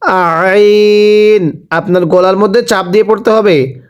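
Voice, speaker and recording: A man teaching Arabic letters, calling each one out slowly and having the learners repeat after him. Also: high-pitched, muffled recording. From Bangladesh. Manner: slow drawn-out letter calls, repeated prompts. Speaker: Quran reading teacher. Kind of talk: letter-by-letter recitation lesson.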